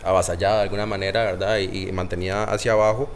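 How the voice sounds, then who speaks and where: A man's voice: deep voice, little pitch movement, quick pace, slight background noise. A Costa Rican man, a doctor and podcast guest, talking casually with many fillers. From Costa Rica. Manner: hesitant, many fillers and tag questions. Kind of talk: casual interview chat.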